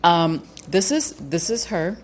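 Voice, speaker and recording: A woman with a slightly low voice talks her viewers through a casual tarot reading. She speaks haltingly, with frequent fillers, restarts and cautious hedging. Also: very animated, soft background music. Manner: cautious, hedging with repeated qualifiers. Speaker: tarot reader.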